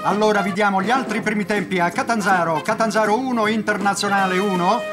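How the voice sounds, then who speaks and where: High-pitched male football score announcer. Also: fairly even intonation, fast talker, over music. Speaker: studio host of football radio round-up. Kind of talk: live score round-up.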